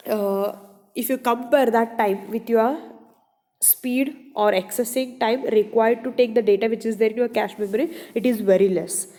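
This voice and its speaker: A woman's voice: fairly high pitch, warm tone. A woman teaching computer science in a classroom lecture, often checking with the students. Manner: repeats "your" and "done?" as she checks on students. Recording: echoey room reverb.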